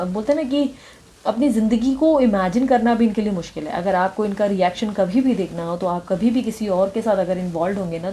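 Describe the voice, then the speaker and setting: A woman's voice: medium pitch, darkish tone. Woman doing a tarot reading to camera, talks right at you, keeps asking "ok?", drops english words in. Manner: talks straight to the viewer, often checks in with "ठीक है?"; mixes English words and phrases into her talk. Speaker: tarot reader.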